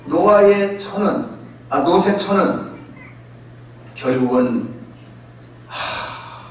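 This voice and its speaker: High-voiced pastor in an echoey hall. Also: male voice, moderate pace. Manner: animated storytelling, acting out quoted voices. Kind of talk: sermon. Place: church sanctuary. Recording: echoey church hall from far off.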